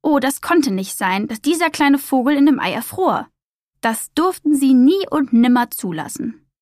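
A woman narrating a children's storybook in a calm, expressive reading voice. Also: high voice, normal speed, no echo, studio quality.

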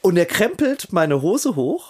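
A middle-aged man chatting casually as a podcast host, telling an anecdote with lively reenactments. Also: high-pitched, unhurried, slightly rough. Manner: animated storyteller, acts out scenes with raised voice. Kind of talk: casual chat.

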